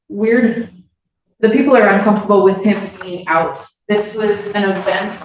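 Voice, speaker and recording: A woman prosecutor arguing in a formal, measured way, heard on a courtroom recording. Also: medium pitch, a little hiss or hum. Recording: echoey, distant, dull courtroom audio.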